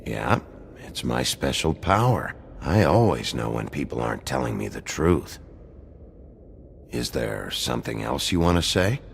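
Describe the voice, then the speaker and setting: Brooding wolf detective, extremely low gravelly voice, terse, swinging intonation, video game acting. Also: male voice, sing-song, slight background noise, heavily acted. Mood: calm, reassuring. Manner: terse, measured questioning. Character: gruff, brooding wolf sheriff detective, adult male.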